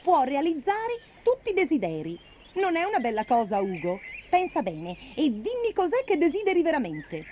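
A woman's voice: high voice, huge pitch swings, normal speed, warm tone, a little hiss or hum, pitched above the performer's own voice. A woman voicing a cheerful, eager little male stick character in a storybook, speaking in an encouraging way. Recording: dull lo-fi recording.

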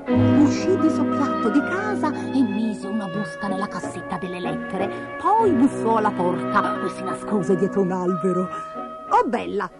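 A woman narrating a children's story in an expressive, animated way. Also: mid-range voice.

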